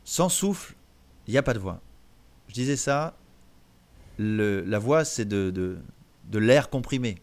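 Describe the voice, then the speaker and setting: A man, a voice coach, explaining vocal technique in an interview in an animated way, often restarting his sentences. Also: fairly low pitch, measured pace, pauses often.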